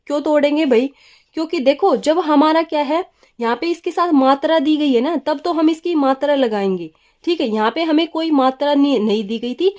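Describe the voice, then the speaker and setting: A woman's voice: high-pitched, a little mellow. A woman teaching a grammar class. She asks her students questions, answers them herself, and repeats the key words, with English words mixed into her talk. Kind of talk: classroom lesson.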